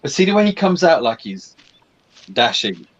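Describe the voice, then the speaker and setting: A man's voice: a little high, sing-song, normal speed. A man co-hosting a movie reaction video, chatting casually and animatedly, retelling scenes and swearing freely, with slightly muffled audio.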